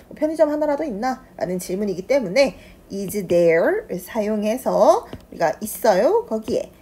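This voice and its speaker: A woman's voice: sits high, dark tone. A woman with a Korean accent, teaching an English lesson and explaining phrases patiently, step by step.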